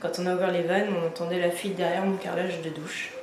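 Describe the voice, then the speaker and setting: A woman's voice: fairly low pitch, level tone, fast talker, a little mellow. Woman, DIY vlogger, irritated, lots of fillers, echoey tiled room, faint background hum. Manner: annoyed, venting with many fillers and restarts. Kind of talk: casual vlog talk. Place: bathroom under renovation.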